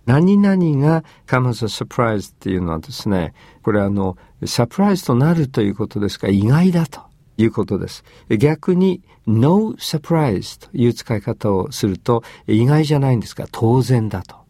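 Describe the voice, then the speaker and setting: A man hosting an English lesson, explaining phrases in Japanese in a measured way with many fillers. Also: medium pitch, lively intonation, dark tone, dry recording. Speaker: English teacher and host.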